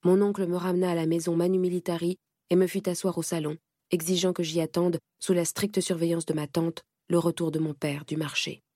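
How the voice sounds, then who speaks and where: A woman reading a first-person audiobook in a measured, steady way. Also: lowish voice, no room sound, studio quality. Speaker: narrator.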